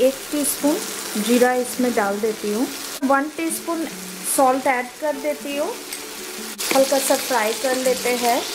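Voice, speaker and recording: This Indian-accented woman runs a home cooking channel and gives plain, step-by-step instructions, mixing English words into her Hindi. Her voice sits high at a measured pace, with background noise present.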